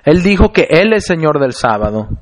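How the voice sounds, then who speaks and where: Slightly high-voiced male preacher. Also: big pitch swings. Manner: deliberate, slows down to stress scripture phrases. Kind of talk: sermon reading and explaining scripture.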